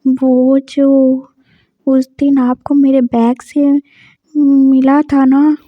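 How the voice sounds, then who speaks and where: A woman voicing a timid, tearful young man who pleads softly and anxiously. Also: high-pitched, level tone, extremely slow, no room sound, phone-quality sound. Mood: hesitant.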